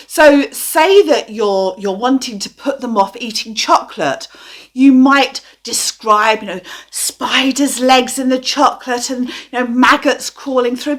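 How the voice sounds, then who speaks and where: A woman teaching hypnotherapy, explaining and then demonstrating dramatic aversive suggestions in a hypnotic voice. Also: high-pitched.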